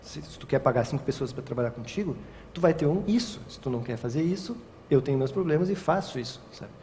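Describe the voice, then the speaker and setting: A man's voice: on the high side, animated, quick pace, warm tone. A young man, a wedding photographer giving a casual interview, rambling and tagging his sentences with questions. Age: young adult. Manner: rambling, frequent "sabe?" tags, restarts. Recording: long reverb, faint ambient noise.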